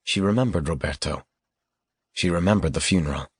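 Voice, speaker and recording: A man narrating an audiobook in a grave, steady storytelling manner. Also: deep voice, a little fast, breathy edge, dry recording, studio quality. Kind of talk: scripted narration.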